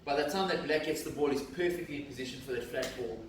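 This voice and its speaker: A man's voice: medium pitch, fast talker, recorded from a distance, slight background noise. Rambling man in an echoey studio. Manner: rambling, enthusiastic, cheeky. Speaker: podcast co-host. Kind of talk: casual banter and match talk.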